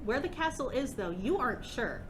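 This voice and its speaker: A woman game master with a lively, higher-than-average voice. She narrates casually and guides players through the scene. There is clear noise and rumble in the recording. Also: brisk.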